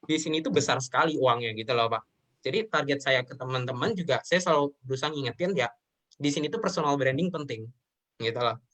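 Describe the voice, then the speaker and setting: Fast-talking earnest young man. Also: mid-range voice, expressive, fairly bright tone. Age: 20s. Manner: emotional, repeatedly addressing the host as sir. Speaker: guest. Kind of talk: earnest personal talk in an interview.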